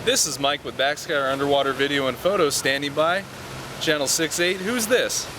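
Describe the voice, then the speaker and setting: A man answering a radio call in crisp, formal radio phrasing, heard over a two-way radio. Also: a little high, moderate pace, noisy background. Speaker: radio responder standing by.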